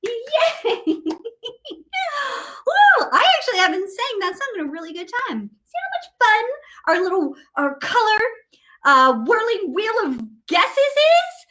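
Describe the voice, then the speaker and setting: During a live children's story time, a woman reads and sings with playful, exaggerated sing-song flair, addressing the little ones directly and asking them questions. Her very high voice is very animated and sharp in tone, moving a little slowly.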